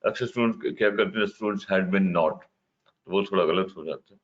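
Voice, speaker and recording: A man with a very low voice teaches English grammar to a class. He works through each step and keeps checking in with his students. The recording is dull and carries a faint hiss. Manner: explains step by step, mixes English terms into his talk, asks the class questions. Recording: dull, slightly noisy lo-fi recording.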